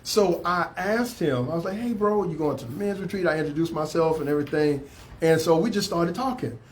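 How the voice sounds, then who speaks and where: A man's voice: fairly high pitch, brisk, slight background noise. A man hosting a casual interview, affirming his guest and often repeating his words. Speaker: talk show host.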